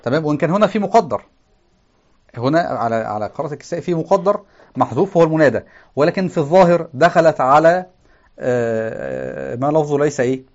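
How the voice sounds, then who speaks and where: A man teaching a grammar text to a class. He keeps asking the room questions, answers them himself, and recites lines of verse in a slow chant. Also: on the high side, animated, a little mellow, highs cut off.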